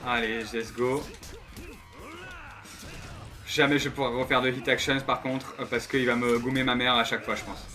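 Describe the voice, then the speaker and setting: A man's voice: mid-range voice, flat delivery, moderate pace, pauses often. A man doing casual, slangy gameplay commentary and talking to his viewers. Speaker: gaming streamer. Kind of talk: casual gameplay commentary, reading game dialogue aloud. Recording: music behind the voice.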